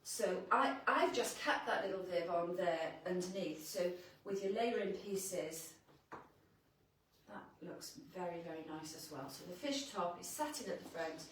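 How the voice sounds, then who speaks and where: A woman's voice: lowish voice, animated, measured pace, a little hiss or hum. Chatty woman in an echoey boutique. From Wales. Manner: chatty, laughs often, talks while changing outfits. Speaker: boutique owner presenting clothes on a livestream. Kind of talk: casual live shopping chat. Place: clothing boutique, indoors. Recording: echoey shop room, voice from a distance.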